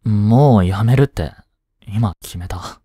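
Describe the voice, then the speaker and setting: A young man with a fairly low, dark, slightly rough voice performs a lovestruck, jealous teenage schoolboy who is a childhood friend in a Japanese romantic voice drama. He speaks slowly and casually, with hesitations and sighs, shifting from teasing to resolute. The studio-quality recording has no room sound.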